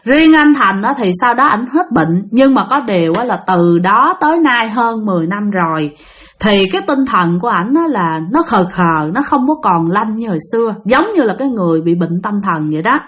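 A woman with a Southern Vietnamese accent narrating a ghost story in a chatty, drawn-out way, with many sentence-end particles. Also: mid-range voice, animated, fairly bright tone.

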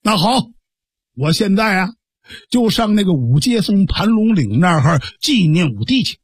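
A man doing a gruff, blunt swordsman. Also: high voice, sing-song, unhurried, no room sound, studio quality, full character voice. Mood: challenging. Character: blunt hot-tempered middle-aged swordsman, rough and teasing. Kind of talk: traditional storytelling.

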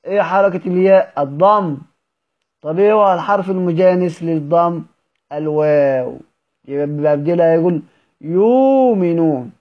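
A man with an Egyptian Arabic accent teaching Quran recitation in a recorded lesson. He asks questions, answers them himself and draws out example words slowly. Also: high-pitched, dull audio.

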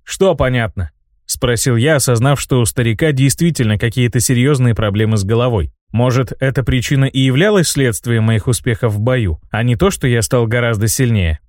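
A man reading first-person fantasy narration in a steady storytelling manner. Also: mid-range voice, brisk, hardly any pauses, no echo, studio quality. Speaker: audiobook narrator.

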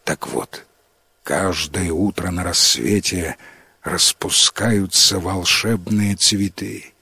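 A man voicing an ancient, deep forest spirit. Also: fairly even intonation, gravelly, slightly rough, no room sound, exaggerated voice. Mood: solemn. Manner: slow, solemn, hushed. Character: ancient wise male forest spirit, grave. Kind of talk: storybook reading.

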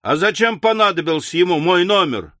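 A man doing a brawling, loud-mouthed cabman. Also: high-pitched, expressive, a little fast, no room sound, studio quality, voice pushed up. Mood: belligerent. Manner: loud, belligerent, challenging. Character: brash quarrelsome male London cabman, bellicose.

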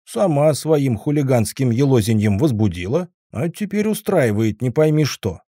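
Male first-person audiobook narrator, wry colloquial delivery, husky tone, dry close sound. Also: medium pitch, sing-song, normal speed, warm tone, no room sound. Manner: wry, ironic, colloquial storytelling.

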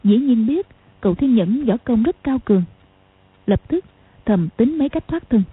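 Husky woman narrating a novel. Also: fairly high pitch, expressive, normal speed. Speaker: audiobook narrator. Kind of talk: storytelling narration. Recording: tinny lo-fi audio.

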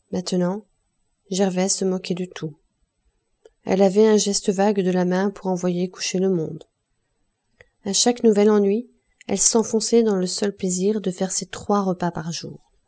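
A woman narrates a classic novel in a measured, expressive audiobook reading. Her voice is dark and mellow, with a gravelly fry, and her pitch sits in the middle range. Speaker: audiobook reader.

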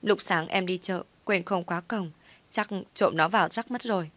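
A woman's voice: sits low, fairly even intonation, moderate pace, fairly bright tone, no echo. A woman voicing a bossy, forgetful young wife who scolds her husband. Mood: whimpering. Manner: scolding, nagging.

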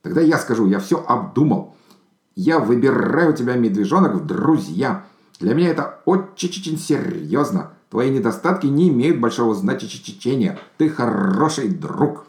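A man's voice: medium pitch, lively intonation, normal speed, pitched above the performer's own voice, natural voice. A man voicing Saraчun, a fussy chattering bird in a storybook, in an echoey room. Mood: excited.

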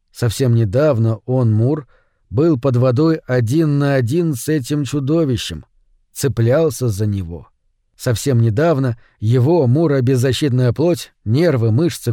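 A man reading an audiobook as narrator, in a measured, even scripted narration. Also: medium pitch, no echo, clean studio sound.

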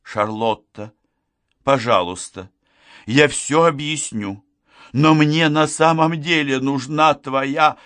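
A man reading an audiobook, voicing a guilt-ridden young woman who sobs and apologizes in a halting way. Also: mid-range voice, fairly bright tone, no echo, clean studio sound, voice pushed up. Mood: pleading.

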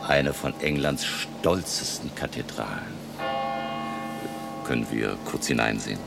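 An actor playing an elderly, eccentric professor in a German radio drama, emotional and courteous, theatrical and ruminative with rhetorical questions. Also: male voice, rumbling low, a little slow, creaky, over loud music, full character voice. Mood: gentle, reflective. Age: older.

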